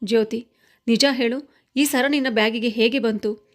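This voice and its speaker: Arun, a woman reading a quiet doubtful husband. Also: on the high side, fairly even intonation, normal speed, close to an everyday voice. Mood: concerned. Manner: quiet, questioning.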